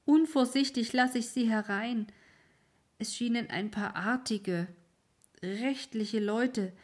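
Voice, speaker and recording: A woman voicing an upset old wife who complains loudly and agitatedly in a fairy-tale reading. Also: on the high side, takes it slowly, voice pushed up. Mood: distraught, indignant. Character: distraught, indignant old woman, fussy wife.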